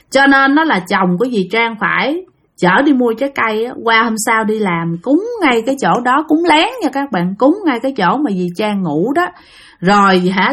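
A woman's voice: mid-range voice, a bit bright. A woman telling ghost stories in a chatty, vivid way, addressing her listeners directly. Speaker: storyteller. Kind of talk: casual spooky storytelling narration.

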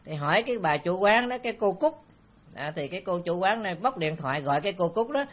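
A Buddhist monk with a Southern Vietnamese accent tells a story during a dharma talk. His voice sits high and moves fast, and his relaxed, anecdotal delivery is full of filler sounds.

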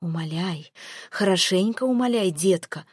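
A woman's voice: fairly low pitch, lively intonation, measured pace, slightly rough, no room sound. A hissing, menacing man full of jealous contempt, as a woman reader puts him on speaks crude threats in an audiobook. The sound is dry and close, with no room around it. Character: cruel, furious man lover, contemptuous and jealous. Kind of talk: audiobook character voice.

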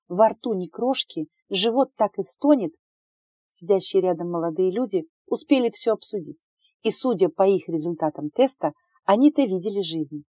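A woman narrating a first-person audiobook in an expressive, lively reading. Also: medium pitch, no echo.

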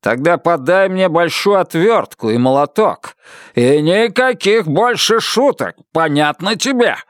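A man's voice: a little high, animated, unhurried, dry recording, pitched above the performer's own voice. A snarling, bullying middle-aged husband, put on by a male reader, his voice pushed well up and swinging wildly as he barks orders. The sound is dry and close, with no room around it. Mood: menacing. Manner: shouting, snarling, contemptuous.

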